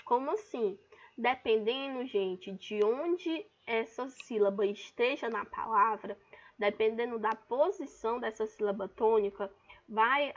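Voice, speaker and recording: Brazilian woman teaching an online class. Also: fairly high pitch. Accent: Brazilian Portuguese. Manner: explanatory, stresses syllables by calling words out loud. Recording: dull lo-fi recording.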